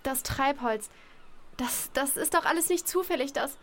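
A woman's voice: high-pitched, normal speed, a bit bright, a little hiss or hum. Linda, woman playing a stammering guilty mole. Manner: stammering, apologetic. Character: guilt-ridden young woman contestant, secret mole.

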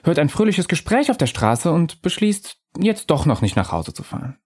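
In a storybook-style reading, a male reader voices an elusive female bar ghost, speaking high and soft at a moderate pace with a slightly rough edge. She sounds calm and wistful, yet her earnest insistence keeps pressing the listener.

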